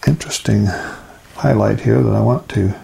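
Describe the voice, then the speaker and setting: An older man, a gentle painting instructor, talking in a low-key, musing way as he demonstrates watercolour step by step. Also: normal speed, gravelly, rough recording. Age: 60s or older. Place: indoors at a painting easel.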